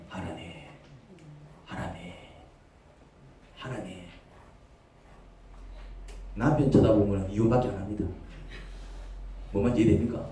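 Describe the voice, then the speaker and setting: A male pastor, preaching with big swings from loud cries to near whispers. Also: medium pitch, very echoey, far from the mic, a little hiss or hum. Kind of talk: sermon. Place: church sanctuary.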